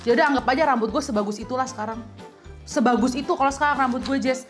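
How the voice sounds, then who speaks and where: A woman in her thirties with a Betawi accent chats rapid-fire as a guest, her voice sitting high over faint background music. She's chatty and animated, slipping into playful put-on voices during the casual conversation in a bright indoor room.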